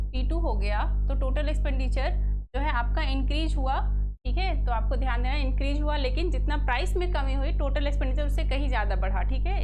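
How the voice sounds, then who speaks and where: Loud, high-voiced woman teaching economics. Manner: loud, emphatic, often asks the class questions and answers them. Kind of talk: online exam-prep lecture.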